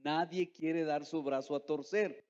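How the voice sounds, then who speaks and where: A pastor delivers an emphatic sermon in a fairly high male voice, firing questions at the congregation and drawing out words he wants to land. The sound is dull and lo-fi, with a long church reverb trailing behind him. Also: fairly even intonation, a little mellow. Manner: slows down to stress key words. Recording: echoey hall, dull lo-fi sound.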